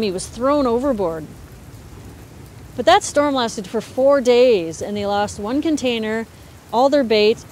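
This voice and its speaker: A middle-aged woman telling a true story to camera in a casual, lively way, with a lapel mic, in front of a woodpile. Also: on the high side, no echo. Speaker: host. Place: indoors in front of a stacked woodpile.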